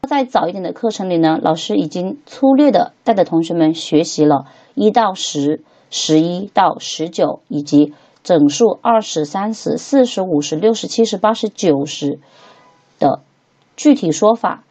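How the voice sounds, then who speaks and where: A woman teaching English to beginners, patiently repeating each word slowly three times as she walks through a textbook lesson. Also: fairly low pitch, lively intonation, dark tone, slightly rough, dull audio.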